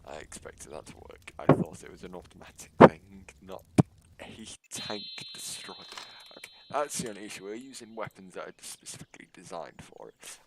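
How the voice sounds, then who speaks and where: Man, deep gravelly voice, lively swooping delivery, loud noise behind, sarcastic game commentary. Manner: sarcastic, mock-boastful showman. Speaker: gaming YouTuber. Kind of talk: casual gameplay commentary.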